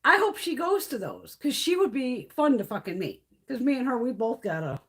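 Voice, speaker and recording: A middle-aged Connecticut woman rambles through stories on a casual beauty live stream, her voice swinging loosely and lively, a little high, at normal speed. It sounds husky and slightly worn, as though she's losing her voice, and she swears freely and laughs a lot in her chatty storytelling.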